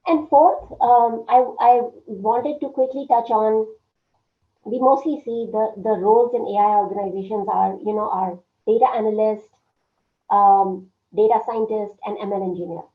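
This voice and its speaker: A woman presents an online workshop from a room at home, using a laptop webcam on a video call. Her mid-range, steady voice sounds strained and hoarse, and she speaks haltingly with many fillers and frequent throat clearing. The audio is phone-like with a roomy echo.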